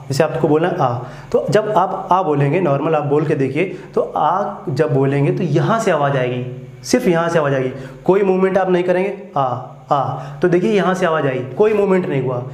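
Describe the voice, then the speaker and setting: A male grammar teacher walks his students through an explanation, quizzing them as he goes and confirming each point. His voice sits slightly high. The room gives it a noticeable echo. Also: a little mellow. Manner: repeats "ठीक है" and asks students questions. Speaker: English teacher. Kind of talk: classroom grammar lesson. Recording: echoey room.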